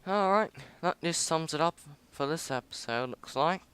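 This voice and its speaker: A man's voice: on the high side, expressive, normal speed, a bit bright, clean tone. A young man casually commenting on his own space game footage, rambling, humming and joking at himself. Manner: rambling, self-mocking, hums and mutters to himself. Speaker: gameplay video host.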